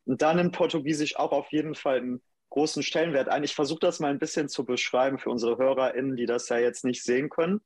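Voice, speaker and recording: A man's voice: mid-range voice, steady tone, quick pace, hardly any pauses, no echo. A man co-hosting a podcast interview, describing things in a friendly way. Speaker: podcast co-host.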